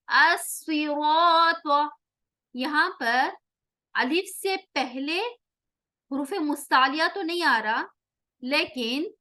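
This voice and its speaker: A woman teaches recitation rules in a slow, patient way. She repeats each rule and sounds out example words over and over. Her voice is high and bright. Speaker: tajweed teacher. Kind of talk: explanatory lesson with recited examples.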